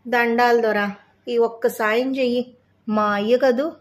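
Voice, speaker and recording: A woman's voice: fairly high pitch, steady tone, a little slow, voice pushed up, lightly acted. A woman voicing a humble, pleading poor village man from the countryside, who speaks deferentially.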